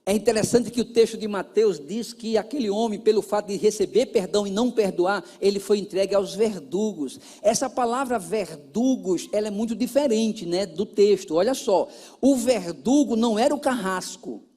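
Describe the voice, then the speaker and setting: A man's voice: high voice, moderate pace, dark tone. A male pastor with a Brazilian Portuguese accent, preaching a sermon and telling a counseling story, acting out the dialogue and repeating phrases for emphasis.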